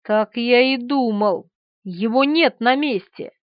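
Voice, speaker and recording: A woman's voice: on the high side, takes it slowly, dry recording, highs cut off. A woman voicing an eager young man who fusses over his pets, in an urgent, fussing manner, reading an audiobook.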